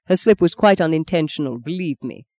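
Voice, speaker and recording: A woman reading a firm, courteous gentleman. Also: sits low, expressive. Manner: firm, measured. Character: composed foreign man, firm and courteous.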